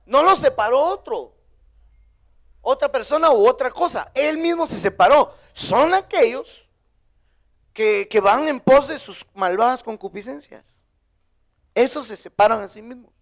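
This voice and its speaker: A Guatemalan man preaching a sermon as pastor, lively, with sudden high emphatic bursts. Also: unhurried, long pauses. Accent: Guatemalan Spanish.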